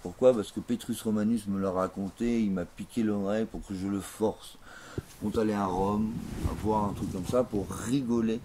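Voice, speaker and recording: A man giving a grandiose, declamatory mystical monologue in an interview, slow and emphatic. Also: fairly low pitch, fairly even intonation, warm tone, a little hiss or hum.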